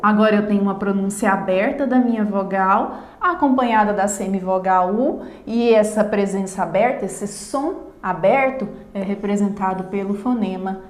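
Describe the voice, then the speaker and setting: A woman teacher from Brazil giving a recorded grammar lesson, explaining slowly and stressing each example word. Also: mid-range voice, echoey room.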